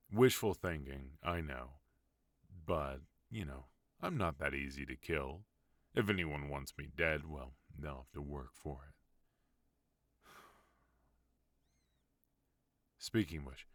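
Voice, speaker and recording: A male voice actor in an ASMR roleplay plays a tender but dangerous mafia boss husband, speaking at an extremely low pitch in an exaggerated voice. Playful, soft, and intimate, he takes his time over every word. He is close to a dry, dead-sounding microphone with no room sound.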